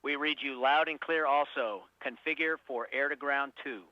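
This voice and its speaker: A man giving measured, formal procedural calls as a mission control communicator in astronaut radio style. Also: mid-range voice, a little hiss or hum. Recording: dull band-limited radio link.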